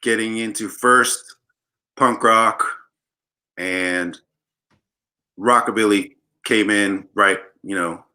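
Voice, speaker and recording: His voice is fairly low yet bright and forceful: a guest bassist from Los Angeles chatting casually in a livestream interview. He's joking and playful, a storyteller prone to long rambles.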